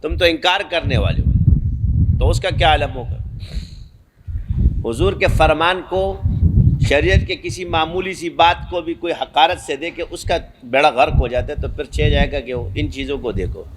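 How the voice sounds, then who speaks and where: A man's voice: fairly high pitch, slight background noise. A man preaching a sermon, scolding and emphatic, who keeps asking rhetorical questions and answering them himself.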